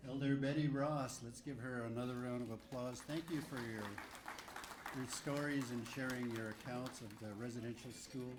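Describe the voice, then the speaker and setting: A man's voice: mid-range voice, steady tone, normal speed, background noise. A man announcing as emcee at a live indoor event. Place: indoor banquet hall. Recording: live hall with clear crowd.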